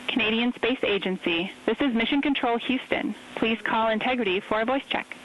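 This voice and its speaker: Woman, mission control communicator, space radio transmission, crisp formal calls, faint static. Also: fairly high pitch, a little fast, a bit bright, rough recording. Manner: crisp formal call-and-response.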